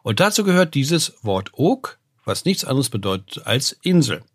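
An older man talks like a professor explaining word histories on a podcast, tagging his points with "ne?" and small hesitations. His voice sits at an ordinary pitch for a man. The sound is dry and close, with no room heard. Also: normal speed, slightly rough, no echo. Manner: lecturing, often adds "ne?" and "äh", lively rises. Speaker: name researcher, professor.

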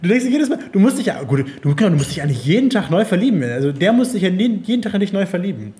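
A man's voice: high-pitched, big pitch swings, rapid-fire, warm tone. A man chatting casually on a podcast, rambling with restarts and frequent laughs. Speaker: podcast host.

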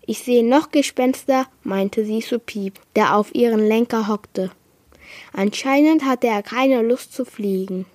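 A woman reading a children's book aloud in a slow, measured storytelling manner. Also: a little high, darkish tone, dry recording. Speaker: reader.

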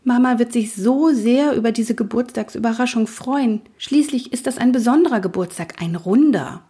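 A woman voicing a determined, insistent young girl rider in a children's audiobook, with a husky voice. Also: fairly high pitch, normal speed, mellow, voice pushed up. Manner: insistent and indignant.

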